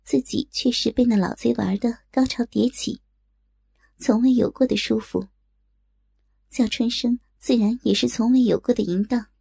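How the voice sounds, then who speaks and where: A woman narrates a storybook with measured, expressive reading. Her voice is gravelly and husky, dark in tone, recorded close and dry. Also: fairly high pitch, no room sound.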